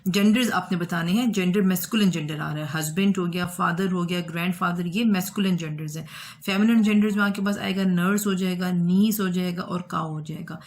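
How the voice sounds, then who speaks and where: A woman English teacher patiently walking students through exercises, giving many examples and often checking with "okay". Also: on the low side. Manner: explains patiently with examples, switches between Hindi and English, repeats "ठीक है". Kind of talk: classroom explanation of an exercise.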